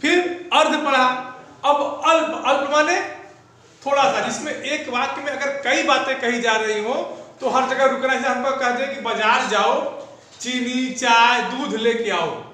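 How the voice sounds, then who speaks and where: High, bright-voiced male teacher in an echoey classroom. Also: steady tone, normal speed. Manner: keeps checking if students follow; addresses students fondly as children. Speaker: Hindi teacher. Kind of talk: classroom lecture. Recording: very echoey room, faint background noise.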